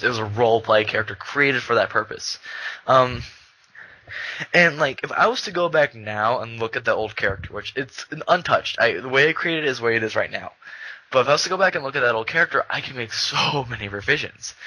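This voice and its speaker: Rambling young man, bright dry voice. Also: mid-range voice, no room sound, poor audio. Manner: rambling, many fillers and restarts. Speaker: podcast co-host. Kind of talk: casual chat.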